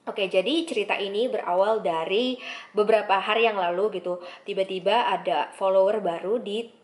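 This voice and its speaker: A woman's voice: medium pitch, normal speed. Chatty young woman vlogger. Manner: chatty, animated retelling with frequent filler tags. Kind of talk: casual storytelling vlog.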